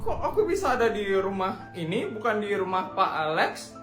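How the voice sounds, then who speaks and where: A woman's voice: mid-range voice, very animated, normal speed, lightly acted. A woman playing a young daughter from a poor family who is confused and stammers, in a comedic skit. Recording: echoey room with music behind.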